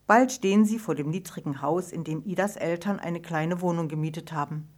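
Brief: woman narrator, calm measured audiobook storytelling. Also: fairly low pitch.

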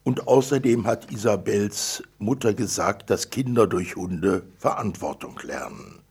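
A man's voice: lowish voice, a little slow, darkish tone, slightly rough, exaggerated voice. A man voicing a stubborn little girl who pleads and whines to get her way. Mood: pleading. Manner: wheedling and whiny.

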